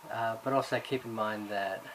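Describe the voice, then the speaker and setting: This Irish-born man, raised in Australia, introduces a university subject in a recorded course introduction. His lowish voice holds a fairly even intonation at a moderate pace, though he hesitates often, filling gaps and restarting. There is background noise.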